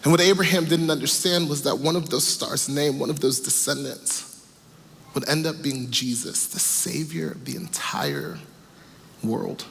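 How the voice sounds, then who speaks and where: Earnest preaching man, slightly high voice. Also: measured pace, vocal fry, a bit bright, long reverb tail, a little hiss or hum. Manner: earnest storytelling preaching with emphatic repetition. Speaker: pastor. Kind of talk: sermon. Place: church auditorium.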